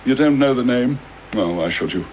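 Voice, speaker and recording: An actor playing a bitter, vengeful middle-aged English doctor in a British radio drama, theatrical and sardonic, with deliberate articulate delivery. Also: male voice, medium pitch, animated, close to an everyday voice. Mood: smug, scornful. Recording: dull, noisy old radio broadcast copy.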